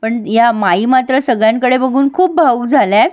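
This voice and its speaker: A woman's voice: fairly high pitch, normal speed, darkish tone. A woman giving a chatty recap of a TV serial, speaking to viewers directly. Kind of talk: casual serial recap narration.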